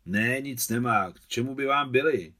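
A man's voice: mid-range voice, bright, forceful tone. A man reading a novel aloud, voicing a displeased, grumbling old village woman. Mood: dismissive.

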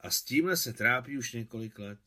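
A man's voice: mid-range voice, animated, pushed and bright. A man reading aloud and voicing a fussy, nagging old village woman. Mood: chiding. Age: older. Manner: scolding, fussy. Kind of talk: audiobook reading.

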